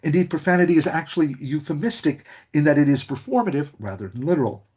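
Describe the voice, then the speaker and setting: A man delivering a scholarly public lecture from a script, measured in manner with frequent hesitations. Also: a little high, lively intonation, a little mellow, husky. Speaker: guest lecturer. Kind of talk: academic lecture read from a script.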